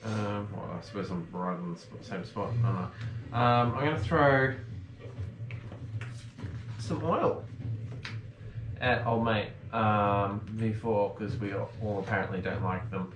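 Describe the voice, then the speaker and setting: A man with a lowish voice plays a tabletop game, pausing on ums as he works through the rules. The room is echoey, and noise can be heard clearly behind him. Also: a bit bright. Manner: hesitant, lots of ums, reads rules aloud. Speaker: player.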